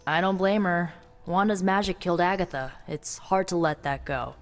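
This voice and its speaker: An actress playing an earnest, sympathetic young heroine in video game dialogue, measured and conversational. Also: female voice, lowish voice, big-room sound, soft background music, close to an everyday voice. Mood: earnest concern.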